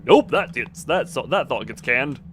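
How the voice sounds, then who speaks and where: This is casual gaming commentary and chat from a live streamer whose mid-range voice has lively intonation and normal speed. He rambles and exclaims, often restarting and rephrasing sentences, against a noisy background.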